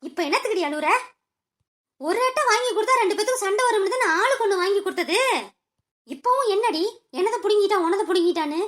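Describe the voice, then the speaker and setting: Woman doing a sharp, short-tempered scolding mother. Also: extremely high pitch, lively intonation, quick pace, pauses often, voice pushed down. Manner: scolding, shouting at the children. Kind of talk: cartoon voice-over.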